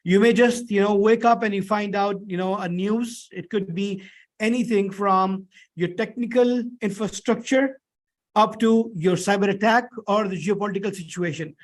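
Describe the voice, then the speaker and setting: A man lecturing in a conversational, explanatory way with frequent check-in questions, his voice thick and strained from a sore throat. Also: sits high. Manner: conversational, repetitive, checks understanding with short tag questions. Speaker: instructor teaching an online or classroom course.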